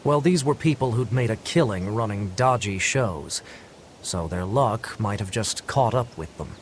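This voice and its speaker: Game townsman: earnest, lowish voice, conversational storyteller, slight background noise. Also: expressive, a little slow. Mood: somber, matter-of-fact. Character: earnest male townsman recounting grim local news. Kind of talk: video game voice acting.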